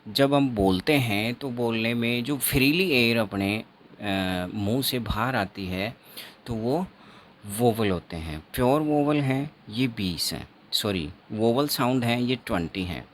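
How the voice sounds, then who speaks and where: A man teaching an exam-prep phonetics lesson, explaining slowly and repeating himself, writing on a board as he talks, with Indian English words. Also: mid-range voice, animated, slight background noise. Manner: slow, repetitive teaching with frequent checks; writes on a board while talking.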